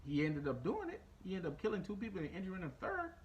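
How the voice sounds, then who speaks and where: Male podcast host, casual rant, swearing a lot, lively pitch that leaps up, repeats himself. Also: fast, lo-fi sound, a little hiss or hum. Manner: animated, profane, repeats points, voice jumps high when incredulous.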